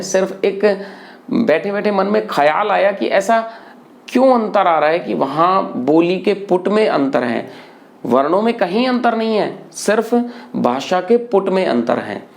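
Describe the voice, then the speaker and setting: Gravelly-voiced Hindi teacher explaining sounds. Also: male voice, expressive. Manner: asks rhetorical questions, then answers them; demonstrates sounds slowly, dropping pitch on example words. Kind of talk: classroom-style lesson on pronunciation.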